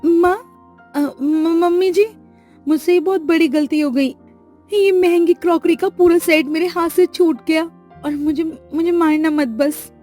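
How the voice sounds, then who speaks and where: A woman voicing a timid young bride who is always terrified, pleading in a trembling, high-strung way. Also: lively intonation, normal speed, dark tone, faint music behind. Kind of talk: storybook voice acting.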